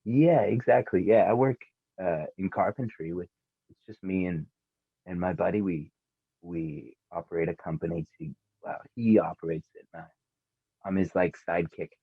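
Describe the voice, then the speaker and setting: A man's voice: sits low, moderate pace, slightly rough, dry recording. A male musician guest chatting casually in an interview, rambling and laid-back with plenty of fillers. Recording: tinny phone-like remote audio.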